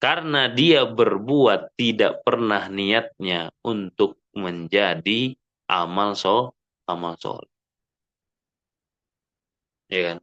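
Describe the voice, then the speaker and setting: A man's voice: fairly low pitch, slow, long pauses, lo-fi sound. Man preaching with rhetorical questions. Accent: Indonesian. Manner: lively, with rhetorical questions and acted-out quotes; frequent "ya kan?" checks with the audience. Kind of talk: Islamic sermon. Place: mosque.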